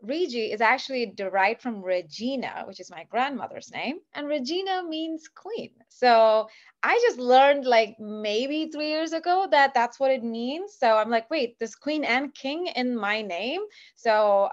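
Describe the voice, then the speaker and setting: A woman's voice: fairly high pitch, animated, a little slow. A woman in her thirties from Kuwait, a podcast guest talking enthusiastically and chattily with many fillers over a video call from a home office. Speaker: podcast guest, business founder. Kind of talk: casual interview talk. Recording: dull lo-fi video call audio.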